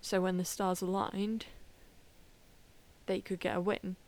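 Woman chatting on a podcast, slow pace, giggly, loses her thread. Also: on the low side, little pitch movement, a little mellow. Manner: chatty, laughs often, trails off mid-sentence. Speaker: podcast co-host. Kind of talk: casual chat.

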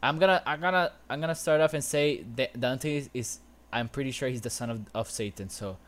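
A man's voice: medium pitch, moderate pace. A young man with a Puerto Rican accent in casual debate, switching between Spanish and English with plenty of slang. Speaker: debater on a fan panel show. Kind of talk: casual bilingual banter and debate.

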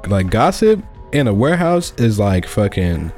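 A man's voice: fairly low pitch, sing-song, normal speed, a little mellow, faint music behind. A man hosting a casual podcast, laid-back and slangy, laughing often. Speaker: podcast host.

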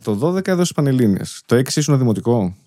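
A man's voice: mid-range voice, big pitch swings, dark tone, dry recording. Guy in his 30s hosting a chatty podcast, jokey and teasing, dry close sound. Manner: teasing, playful, laughs often. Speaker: podcast host. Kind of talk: casual chat.

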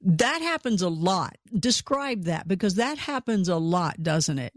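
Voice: mid-range voice, very animated, measured pace, no room sound, clean studio sound. A podcast host interviewing a guest, eagerly reacting and asking follow-up questions. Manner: eager listener, reacting and prompting. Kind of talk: casual interview.

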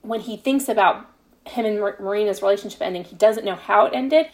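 Brisk and mid-range, a woman's voice carries through a relaxed podcast conversation where she's the guest author. Her explanations come out hesitantly, like she's thinking through them in real time.

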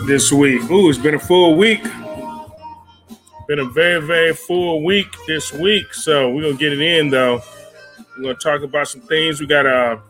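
A man hosting a live stream show in a casual, laid-back way, greeting viewers by name and using easy slang. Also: a little high. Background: jazz music playing softly.

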